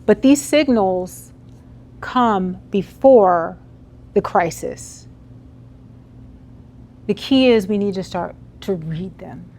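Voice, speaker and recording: A woman delivers a motivational keynote in an unhurried, measured way, leaving room between her phrases. Her pitch sits in a middle range. She keeps it conversational and keeps turning to the audience with questions. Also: a little mellow, a little hiss or hum. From United States. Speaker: keynote speaker. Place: event hall before a live audience.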